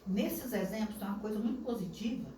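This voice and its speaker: Quick-talking Brazilian woman, distant and echoey. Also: mid-range voice, mellow, a little hiss or hum. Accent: Brazilian Portuguese. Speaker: class participant. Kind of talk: casual comment in class. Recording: echoey room from far off.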